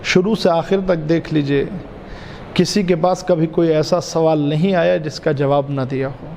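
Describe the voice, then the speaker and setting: A man, a cleric giving a majlis sermon, repeating key phrases in a drawn-out, emphatic way and calling his listeners dear ones. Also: on the high side, fairly even intonation, creaky, a little mellow, a little hiss or hum. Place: mosque. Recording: reverberant mosque hall, faint ambience.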